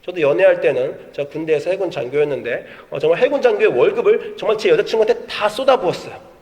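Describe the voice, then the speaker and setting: Middle-aged male pastor, high lively sermon delivery, church hall echo. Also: quick pace. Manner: animated storytelling, acts out quoted voices. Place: church sanctuary. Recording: long hall reverb.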